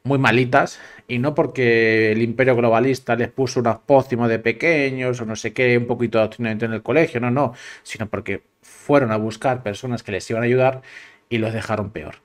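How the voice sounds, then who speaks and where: A man's voice: medium pitch, fairly even intonation, brisk. A man hosting an interview, asking his guest questions in a casual, blunt way and briefly mocking self-styled gurus. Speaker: host.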